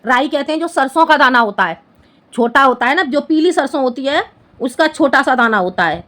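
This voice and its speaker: A woman's voice: high-pitched, animated, moderate pace, pushed and bright. A woman Hindi teacher who explains a poem line by line and often checks whether her students have understood. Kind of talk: classroom-style poem explanation.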